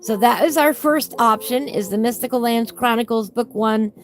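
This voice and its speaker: A woman's voice: a little high, normal speed. Woman with whistling S sounds. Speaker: host of a coloring book channel. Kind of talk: casual live chat while flipping through a book.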